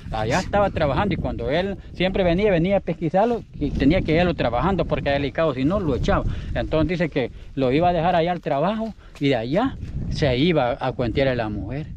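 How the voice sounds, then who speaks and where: A man's voice: a little high, animated, fast, background noise. A Salvadoran man telling a story in casual, rambling speech, often repeating himself. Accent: Salvadoran Spanish. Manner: chatty, rambling, repeats his words. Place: outdoors in the countryside.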